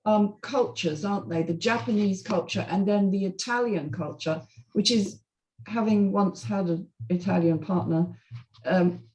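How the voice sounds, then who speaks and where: A British woman hosts a casual script-reading panel, speaking thoughtfully and conversationally and often seeking agreement. Her medium-pitched voice is a little slow and a little mellow, and the recording is rough.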